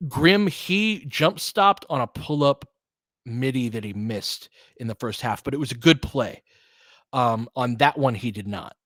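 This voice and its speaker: A male fan commentator calls basketball casually, pairing descriptions of the action with opinionated, talky analysis and coaching directed at the players. His medium-pitched voice is expressive and a bit bright, moving a little slowly, on a dry recording.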